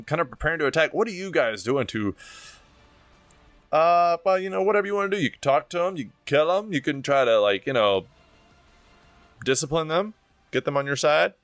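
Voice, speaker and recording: A man's voice: mid-range voice, fairly bright tone, dry recording. A man running a tabletop game as game master, narrating in a casual, rambling, sweary way.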